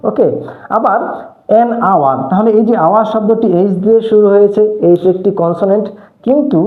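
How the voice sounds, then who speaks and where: A teacher giving a grammar lesson, who keeps asking the class questions and then answering them. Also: mid-range voice. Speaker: English teacher. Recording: echoey, phone-like narrow sound.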